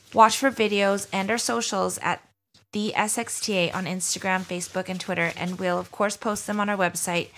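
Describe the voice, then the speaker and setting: A woman host reads podcast announcements in a clear, plain voice. Her pitch is average and her delivery is steady.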